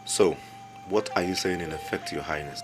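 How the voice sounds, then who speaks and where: A young adult male actor with a low voice and a Nigerian accent plays a young local government chairman in a film drama, respectful yet insistent, earnest and deferential as he pleads his case. He speaks at normal speed with light acting over soft background music.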